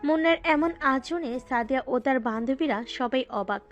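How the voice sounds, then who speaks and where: A woman narrates a romantic audio story in an easygoing, conversational way. Her voice sits a little high. Faint background music plays under the narration. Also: moderate pace, muffled recording.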